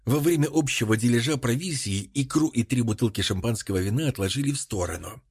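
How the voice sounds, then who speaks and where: Guy reading an audiobook, calm even narration, mid pitch. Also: quick pace, slightly rough, dry recording, studio quality.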